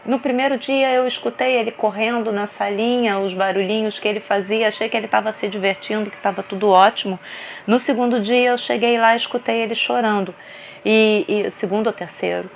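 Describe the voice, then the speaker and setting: A woman's voice: mid-range voice, brisk, gravelly, a little hiss or hum. Earnest Brazilian woman telling her story. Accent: Brazilian Portuguese. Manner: earnest, animated, many restarts and repeated fillers. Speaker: vlogger mother sharing her experience. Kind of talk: personal storytelling to the camera.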